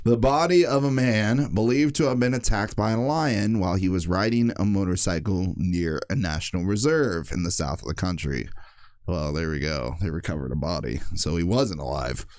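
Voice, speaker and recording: A man's voice: deep voice, normal speed, a little mellow. A man hosting a casual podcast, reading out weird news stories with jokey asides and frequent laughter. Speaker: podcast host.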